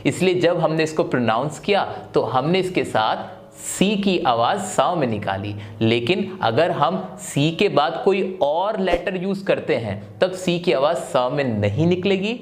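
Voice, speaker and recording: A man's voice: on the high side, slight background noise. Guy teaching spelling tricks, walks through each rule step by step, keeps asking questions then answering them. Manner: explains step by step with rhetorical questions. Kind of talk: spelling lesson video.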